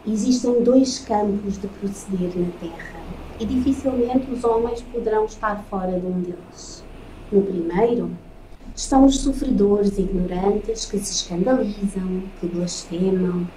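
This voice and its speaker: A woman with a European Portuguese accent giving a spiritist lecture, reading from slides in slow, measured phrases with solemn pauses. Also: medium pitch. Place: lecture room in front of a projected slide. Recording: echoey room, faint noise.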